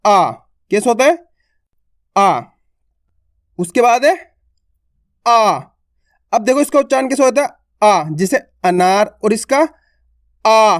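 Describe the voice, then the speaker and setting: A man's voice: extremely high pitch, dry recording, clean studio sound. A man teaching an online lesson on Hindi letters, asking questions and answering them, and stretching out the vowel sounds as he repeats them.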